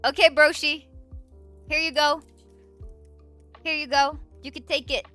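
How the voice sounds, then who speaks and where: A woman's voice: high-pitched, fairly even intonation, measured pace, bright, forceful tone, faint music behind. A woman streamer in casual live-stream chat, playful and giggly, swearing freely.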